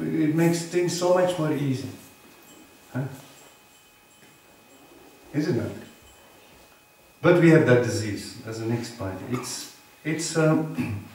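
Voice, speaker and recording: A man's voice: medium pitch, darkish tone, slight background noise. A man giving an earnest sermon on scripture in a temple, quizzing his listeners with short tag questions. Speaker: temple preacher. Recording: very echoey hall, distant mic.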